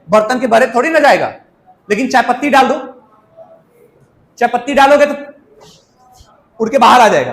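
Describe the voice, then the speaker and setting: A man's voice: very high-pitched, a bit bright, reverberant. A male chemistry teacher, lecturing playfully and quizzing students with everyday examples. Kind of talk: classroom lecture.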